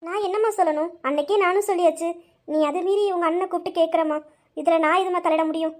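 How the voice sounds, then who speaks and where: A woman's voice: very high voice, steady tone, a little mellow. A woman voicing a reserved, firm older mother-in-law in an amateur audio drama. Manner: measured, refusing.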